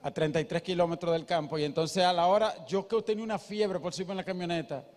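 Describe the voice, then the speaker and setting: Male pastor, high voice, emphatic sermon style, long church-hall echo. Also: fast talker, a little mellow. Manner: emphatic, questions the congregation.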